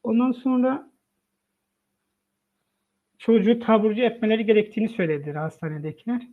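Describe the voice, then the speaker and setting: A man with a raised, fairly high voice recounts his family's ordeal in a personal testimony, as a father speaking of his son. He moves the story along by quoting each person's exact words. The sound is thin and boxy, as if it comes over a phone line from a live online stream. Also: brisk. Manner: retells events by quoting dialogue, frequent "dedim" and "dedi" tags. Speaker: father of the child.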